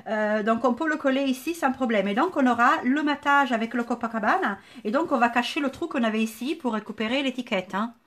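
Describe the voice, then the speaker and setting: A woman's voice: a little high, brisk, few pauses, a bit bright. A woman with a southern French accent hosting a live craft tutorial, chatting and greeting viewers by name as she works. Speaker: scrapbooking tutorial host.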